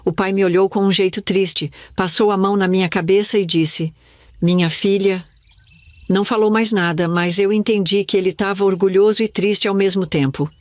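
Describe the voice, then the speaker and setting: An older woman from Brazil narrates a sad family story, slow and somber. Her voice sits at a middle pitch. It is recorded dry and close, with no room sound. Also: steady tone, a little mellow, no room sound. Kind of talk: scripted first-person narration.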